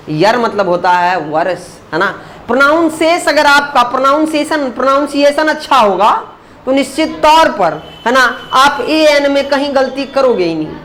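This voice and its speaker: A man's voice: extremely high pitch, bright, forceful tone, a little hiss or hum. Male teacher who quizzes his class. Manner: explains slowly, asks the class questions and answers them himself; sounds out words syllable by syllable. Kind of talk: classroom grammar lesson.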